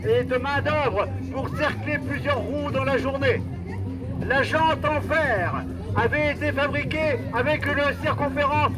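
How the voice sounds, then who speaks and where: A man working as a town crier, declaiming a prepared proclamation loudly to the public. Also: very high-pitched, low-quality recording. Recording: outdoor crowd noise and music behind. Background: crowd and music.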